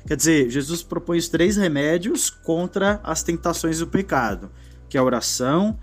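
A man in his forties with a Brazilian Portuguese accent tells a story on a casual talk show. His voice sits a little high, and he speaks in a reflective way, tagging his sentences with a quick "né". Faint music plays softly behind him. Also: animated. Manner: reflective, often adds "né" and trails off.

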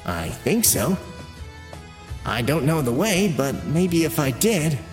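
A man's voice: a little high, sing-song, slow, faint music behind, pitched above the performer's own voice. A man voicing a cheerful little robot. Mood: cheerful, innocent. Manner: chatty, guileless, catches himself mid-sentence. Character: small cheerful naive male training robot. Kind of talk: storybook narration with voiced characters.

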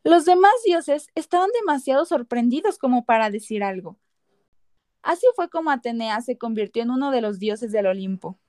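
A woman's voice: on the high side, lively intonation, moderate pace, darkish tone, dry recording, clean studio sound. A woman narrating a scripted story dramatically as a podcast narrator.

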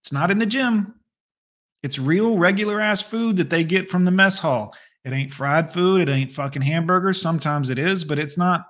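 A man with a fairly high voice delivers blunt, crude commentary. He mocks and scolds without holding back. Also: normal speed, a bit bright. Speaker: commentator reacting to a radio clip. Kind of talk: profane reaction commentary.

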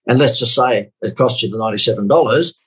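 Australian man, 50s, podcast guest; raspy edge, quick sales patter, deadpan sarcasm. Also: mid-range voice, low-quality recording. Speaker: marketing guest. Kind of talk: casual podcast interview.

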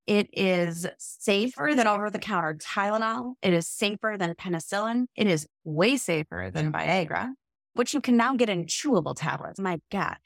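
A woman's voice: medium pitch, lively intonation, moderate pace, gravelly, no echo, studio quality. A woman with a Minnesotan accent, an advocate guest on a podcast, speaking in firm, emphatic statements. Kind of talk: podcast conversation.

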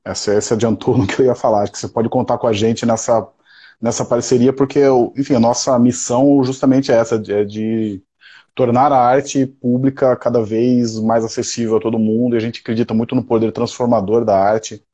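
A man's voice: medium pitch, steady tone, fairly quick, mellow, slightly rough. A Brazilian man hosting a live online interview, asking casual, friendly questions. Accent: Brazilian Portuguese.

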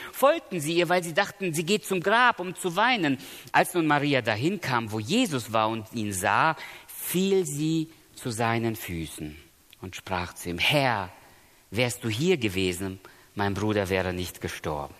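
Male preacher giving a sermon, very animated up-and-down voice, goes quiet then loud, long echo in the church. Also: fairly high pitch. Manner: emphatic, swings between hushed and raised voice.

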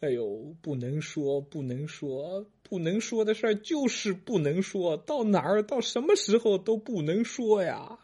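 Brief: man doing an old husband, husky, slow and drawn-out. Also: mid-range voice, lightly acted. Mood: lamenting. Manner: drawn-out, wailing lament. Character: old husband, boastful then tearful.

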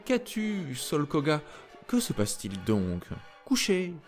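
A gentle young princess from a storybook, soft and earnest, in a voice raised well above a man's own, as the male reader plays her. She speaks slowly, with a rise and fall. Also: on the high side, wildly swooping pitch, soft background music, voice pushed up, exaggerated voice. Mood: calling. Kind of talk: storybook reading.

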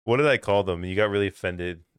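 A young man co-hosting a casual podcast chat, loose and profane, often laughing and mimicking yells. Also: fairly low pitch, fast, clean tone, dry recording. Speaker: podcast co-host.

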